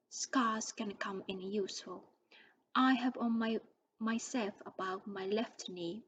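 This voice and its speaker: A kindly ancient wizard, voiced by a woman reading a storybook aloud. He speaks softly and evenly, often near a whisper, at a middling pitch. A faint hiss sits behind the voice. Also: lo-fi sound, natural voice.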